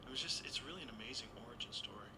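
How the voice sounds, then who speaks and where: A man's voice: medium pitch, lively intonation, very fast, very noisy. A man hosting an interview, reacting briefly and asking short follow-up questions. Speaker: interview host. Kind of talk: conversational interview.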